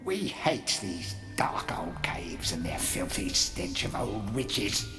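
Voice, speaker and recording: A woman's voice: a bass voice, sing-song, slow pace, creaky, music in the background, heavily acted. A woman voicing a sinister, hissing creature in a game, whispery and sneering, with echoey reverb.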